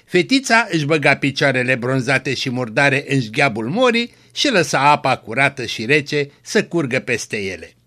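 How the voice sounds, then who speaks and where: A man reading a story aloud in a steady, measured way. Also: mid-range voice. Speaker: reader.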